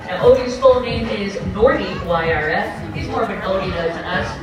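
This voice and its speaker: A woman's voice: medium pitch, normal speed. A woman announcing a live animal show to a crowd as an upbeat presenter. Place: outdoor horse show arena, heard over loudspeakers. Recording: very echoey distant PA, music behind.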